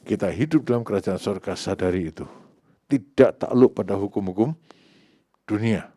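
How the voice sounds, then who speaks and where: A middle-aged Indonesian man with an Indonesian accent preaching a sermon as pastor. He keeps addressing the congregation directly and swings between loud emphatic peaks and quiet low asides. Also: moderate pace, no echo, clean studio sound. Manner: addresses the congregation repeatedly as "saudara".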